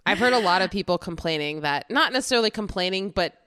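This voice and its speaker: A woman's voice: medium pitch, expressive, quick pace, fairly bright tone, clear, resonant tone, dry recording, studio quality. Congested woman podcast host. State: congested from a cold. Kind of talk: casual chat.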